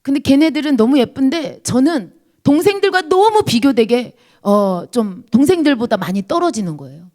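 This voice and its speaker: A woman, a pastor's wife, giving an earnest, confessional testimony to a church congregation. She speaks to the listeners directly and sometimes drops to a hushed whisper. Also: sing-song, moderate pace, hardly any pauses. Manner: earnest confessional storytelling, dropping to a hushed whisper at low points.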